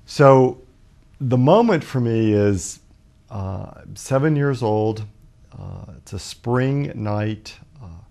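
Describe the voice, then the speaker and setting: A man in his fifties from Alabama, a guest author telling a personal story in a measured, reflective way with many pauses. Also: fairly low pitch, creaky, dark tone. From Birmingham, Alabama, USA. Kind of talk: personal storytelling in a talk show interview.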